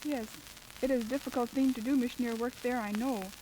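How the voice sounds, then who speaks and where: An earnest young woman from Russia answers radio interview questions in formal, measured sentences. Her voice is slightly high, and the old radio recording carries clear background noise. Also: steady tone. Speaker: Bible school student guest.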